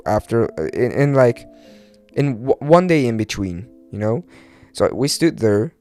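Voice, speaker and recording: A young Turkish-accented man hosts a solo podcast in English, a language he speaks as a non-native, and his R and L sounds are imprecise. He rambles casually and hesitantly, searching for words and swearing mildly. His medium-pitched, darkish voice has lively intonation and a slightly slow pace, with faint music behind it.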